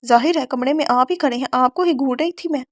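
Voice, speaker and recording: A childish young bride voiced by a woman narrator whines and daydreams aloud. The voice is high and steady. The sound is dry. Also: dry recording. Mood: sulky. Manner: whiny and dreamy.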